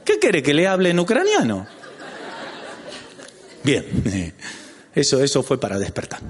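A man with a Rioplatense accent preaching a lively sermon as pastor, joking and calling out to his congregation. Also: a little high, a little slow. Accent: Rioplatense Spanish. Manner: animated, calls out to the congregation, jokes. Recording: long hall reverb.

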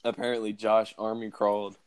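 A man's voice: lowish voice, brisk, smooth. Laughing young man telling stories. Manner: animated storytelling, laughing often. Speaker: podcast host. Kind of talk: casual chat.

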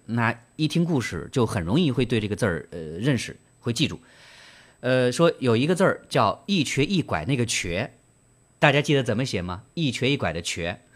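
A man hosting a book club, explaining and retelling in trained standard Mandarin with frequent fillers and questions to the listener. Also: medium pitch. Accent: standard Mandarin, broadcast-trained. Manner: gentle storyteller, asks listeners rhetorical questions. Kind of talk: book reading and discussion.

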